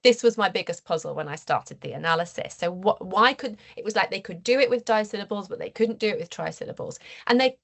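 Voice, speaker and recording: An English woman lecturing at a university seminar, measured and careful, with frequent fillers and restarts. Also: mid-range voice, expressive, creaky, a bit bright. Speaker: university researcher giving a seminar talk. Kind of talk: academic lecture.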